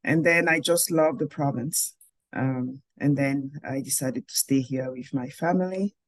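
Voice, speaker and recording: A Cameroonian filmmaker in her forties answers interview questions over a video call as a guest. Her voice is very deep and unhurried, and the low-quality recording has no echo. She's thoughtful, often rephrasing partway through a sentence.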